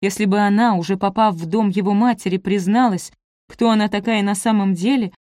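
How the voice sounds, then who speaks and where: Female audiobook narrator, mid-pitched, expressive, dry close sound. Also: brisk, no echo. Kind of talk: scripted romance novel narration.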